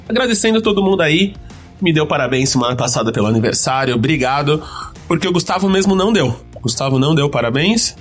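A Brazilian man hosting a podcast in casual, chatty style from home. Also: a little high. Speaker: podcast host. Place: remote recording from home.

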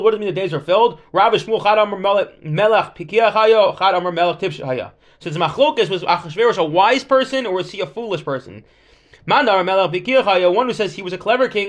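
High-pitched man teaching a Talmud class. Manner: explanatory, stop-and-start, poses questions and answers them.

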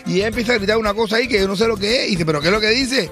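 Man, radio co-host, animated storyteller, high bright voice, faint music. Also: very fast. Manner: animated storyteller, acts out characters. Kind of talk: joke telling on radio.

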